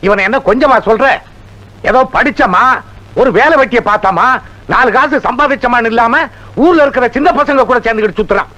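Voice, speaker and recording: A comic actor playing an excitable man who pleads and scolds loudly in a film comedy scene. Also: very high-pitched, brisk. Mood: scolding. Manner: loud, wailing, theatrical pleading. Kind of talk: 1990s Tamil film comedy acting.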